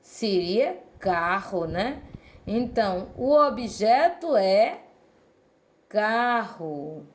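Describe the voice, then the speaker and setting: Slow, lively-voiced woman teacher. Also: mid-range voice, a little hiss or hum. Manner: slow, explanatory, rhetorical questions. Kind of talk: explaining a Portuguese lesson.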